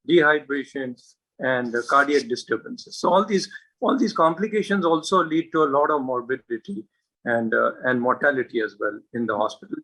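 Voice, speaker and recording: A man delivers a medical talk in a bright, ringing voice of middling pitch. He pauses often on filler words. He stresses key terms and poses one rhetorical question after another. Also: rough recording. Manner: earnest, hesitant with frequent uh and you know fillers; presses points with emphasis and rhetorical questions. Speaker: neurologist giving a talk. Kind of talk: medical lecture.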